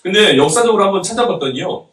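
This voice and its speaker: A man in his thirties delivers a sermon in a warm, conversational way, laughing along with his congregation. His voice sits a touch high and rises and falls freely. It comes from some distance in a roomy, echoing church hall. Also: animated, fast talker. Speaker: pastor. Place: church sanctuary.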